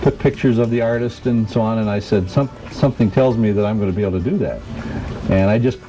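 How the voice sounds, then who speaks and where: Fifties, male artist, low mellow voice, relaxed storyteller with pauses. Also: faint music behind, rough recording. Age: 50s. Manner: relaxed storyteller with hesitant fillers. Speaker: artist and furniture maker. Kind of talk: casual interview.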